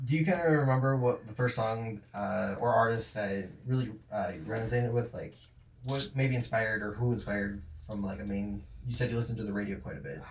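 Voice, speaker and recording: A man co-hosting a casual podcast, asking questions in a lively, stumbling way. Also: on the low side, brisk. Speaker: podcast co-host. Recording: roomy, distant mic, faint noise.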